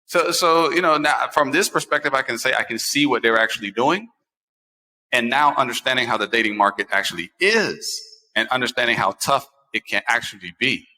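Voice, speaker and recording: In a long, echoing room, a bright, forceful American man in his forties hosts a casual talk show. Speaking briskly in a mid-range voice, he tells personal stories animatedly and repetitively, leaning on phrases for emphasis.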